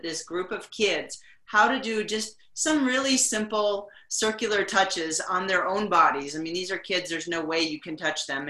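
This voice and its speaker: Roomy-sounding woman telling a story. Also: low voice. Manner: animated storyteller, hesitant fillers. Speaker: practitioner sharing a story. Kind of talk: casual storytelling on a video call.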